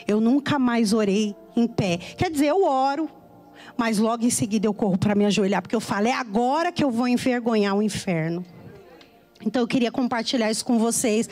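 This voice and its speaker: Woman preacher, high voice, chatty storytelling sermon, soft music underneath. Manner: conversational storytelling with tag questions. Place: church.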